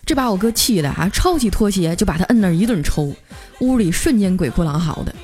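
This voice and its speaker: Over soft background music, a woman hosting a radio story program spins a funny tale fast, in a lively, chatty manner. Her pitch sits in the middle, and she stretches out her particles.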